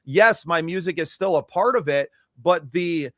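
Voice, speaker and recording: An American man hosts a podcast, speaking earnestly and reflectively in a casual interview, with some restarts. His voice is on the high side and measured in pace. The sound is studio quality with no echo.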